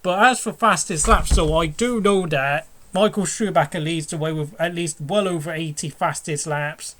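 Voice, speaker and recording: A speaker reciting motor racing statistics from memory by rote, going down a list and pausing to recall as a fan presenter would. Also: mid-range voice, fairly bright tone.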